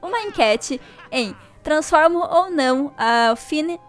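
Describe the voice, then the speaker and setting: Brief: young woman host, excitable gaming chatter, high pitch. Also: slow. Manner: chatty, excitable, addresses viewers as gente. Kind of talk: casual let's play commentary.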